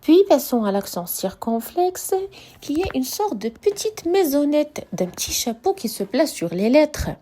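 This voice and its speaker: A woman teaching a French grammar lesson, slowly spelling out examples and repeating key words with emphasis. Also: high-pitched, big pitch swings, dark tone. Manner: slow, deliberate, repeats and stresses example words. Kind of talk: classroom-style grammar lesson.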